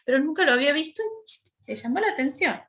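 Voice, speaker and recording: A middle-aged woman with a Rioplatense Spanish accent leads an online class, her voice a little high. She explains step by step and keeps checking that her listeners follow. The room sounds echoey around her. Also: animated, quick pace, fairly bright tone, muffled recording. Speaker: workshop teacher.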